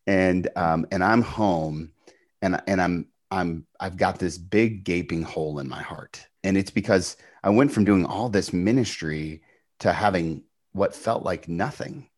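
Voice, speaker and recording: A middle-aged man, a podcast guest, telling his faith story in an earnest, animated way with emphatic bursts. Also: low voice, unhurried. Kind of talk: storytelling testimony.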